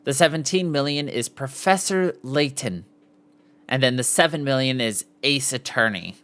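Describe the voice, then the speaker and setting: A man hosts a casual live podcast in a mid-range, slightly bright voice at a moderate pace. Reading aloud, he sometimes stumbles over the words, especially foreign names, which he sounds out.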